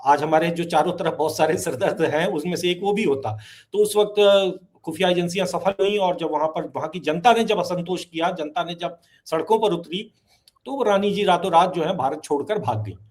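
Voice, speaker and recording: High-voiced emphatic male commentator. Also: moderate pace. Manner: emphatic, repetitive, with hesitations. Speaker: political commentator. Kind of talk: talk show discussion.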